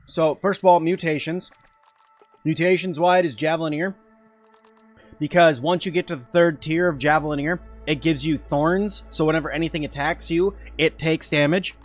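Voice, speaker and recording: A man chats away as he plays a game on a live stream, reading and answering his viewers' questions as he goes. His voice sits a bit high for a man, and faint music plays underneath. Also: normal speed. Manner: chatty, answers chat while playing. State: eating while talking at times. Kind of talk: casual live game commentary.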